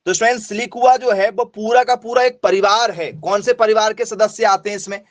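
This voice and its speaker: A man's voice: high voice, fairly even intonation, a little fast, dry recording. A male teacher giving an online exam-prep lesson, addressing students directly, repeating points and answering his own questions.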